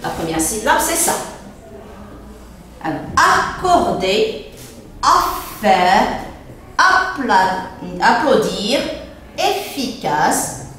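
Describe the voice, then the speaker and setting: Slow, patient woman teaching spelling. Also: on the high side, big pitch swings, fairly bright tone, a little hiss or hum. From Morocco. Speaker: primary school teacher. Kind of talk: spelling lesson. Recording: echoey room, mic at a distance.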